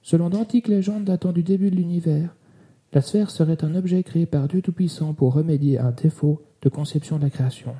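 A man voicing a shy, timid young female secretary in an audiobook, speaking softly and hesitantly with stammers. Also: a little high, brisk, voice pushed up, close to an everyday voice. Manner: hesitant, stammering, soft-spoken.

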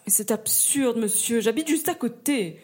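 A woman's voice: a little high, animated, normal speed, darkish tone, natural voice. A woman voicing an indignant middle-aged village mayor who exclaims in outrage.

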